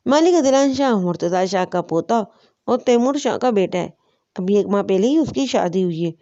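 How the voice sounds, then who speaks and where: A woman's voice: mid-range voice, lively intonation, warm tone, no echo, highs cut off, natural voice. A woman reading as an obedient male servant. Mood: dutiful. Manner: dutiful, slow and measured.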